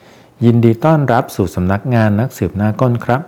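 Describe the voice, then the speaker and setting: A man voicing a calm, polite detective in a children's storybook, speaking slowly and courteously. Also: medium pitch, lightly acted. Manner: slow, courteous and unhurried. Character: calm, polite male detective with a keen nose.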